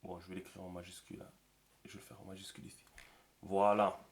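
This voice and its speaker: Soft-spoken man explaining as he writes. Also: deep voice, flat delivery, fast, gravelly, a little hiss or hum. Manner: talks to himself while writing, many fillers. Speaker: teacher of a script. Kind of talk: screen-recorded tutorial.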